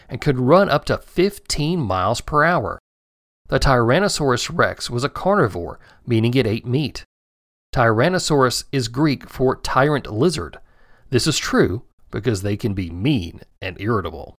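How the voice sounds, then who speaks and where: A man narrating a children's story in a gentle, expressive storytelling manner. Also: medium pitch, dry recording, studio quality.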